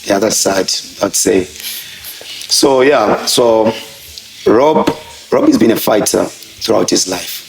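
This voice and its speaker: In an echoey distillery room, a Zambian professional fighter reflects on his life as an interview guest, slowly and earnestly, with long pauses and frequent "I would say" and "you know." His lowish voice is expressive and creaky, and faint music plays behind him.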